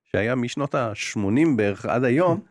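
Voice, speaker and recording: Relaxed middle-aged man chatting casually. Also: medium pitch, no echo, clean studio sound. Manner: relaxed, explains with hesitant restarts and quoted voices. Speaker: podcast co-host. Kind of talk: casual chat.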